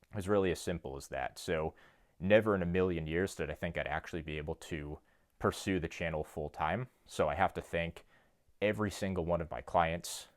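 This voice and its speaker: A young man talking to camera in his home basement gym, earnest and self-described monotone, filmed on a phone. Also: sits low. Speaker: fitness YouTuber and coach. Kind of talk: casual talk to camera.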